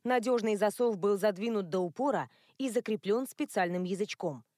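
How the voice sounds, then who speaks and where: A woman narrating an audiobook chapter with a measured, expressive reading. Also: medium pitch, dry recording, studio quality. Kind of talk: scripted narration.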